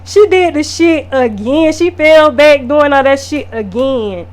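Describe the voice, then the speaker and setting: A woman makeup artist telling a casual storytime vlog, animated and profane, full of fillers. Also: high-pitched, a little slow.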